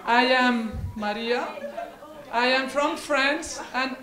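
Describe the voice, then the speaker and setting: Playful woman running a workshop, high voice, recorded in a roomy hall over an audience murmur. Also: takes it slowly. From Spain. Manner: playful, coaxing, laughs often. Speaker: workshop leader. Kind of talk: lively workshop hosting. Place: large indoor hall with an audience. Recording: echoey hall with crowd chatter.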